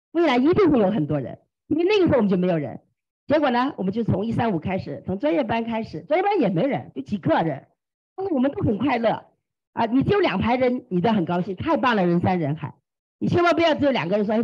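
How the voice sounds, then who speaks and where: A husky woman with a fairly high voice that leaps up and down as she gives a motivational testimony. She speaks with exclamatory energy, now and then acting out what others said. The recording is dull and lo-fi. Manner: animated, exclamatory, acts out quoted dialogue. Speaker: team leader sharing experience. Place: classroom.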